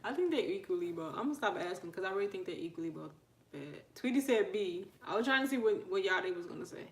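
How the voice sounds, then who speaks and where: Quick-paced and expressive, with a mid-range voice in an echoey room, a woman hosts a casual livestream. She chats with her audience, reads comments, asks questions and calls out newcomers to welcome them.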